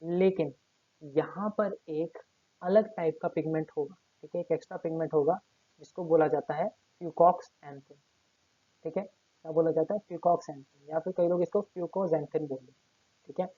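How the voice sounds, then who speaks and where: A husky, fairly high male voice with a steady tone speaks at normal speed. Seated at his table, the teacher gives a recorded lecture step by step, pausing to check in with his students after nearly every point, on tinny, phone-like lo-fi audio without room sound.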